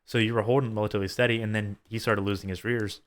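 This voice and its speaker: Man, lowish voice, race engineer, casual debrief chat, halting and thinking aloud. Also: flat delivery.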